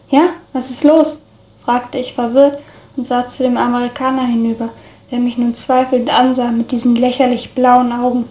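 A woman narrating a first-person story in a calm, even reading voice. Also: a little high, roomy sound. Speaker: story reader.

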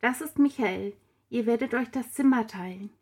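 A welcoming grown man who works at a children's home, as a woman reading aloud puts him on. He speaks in a friendly, easy way. The voice stays somewhat high, like the reader's own. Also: moderate pace, dark tone, husky. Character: friendly adult male care home worker. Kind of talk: storybook reading.

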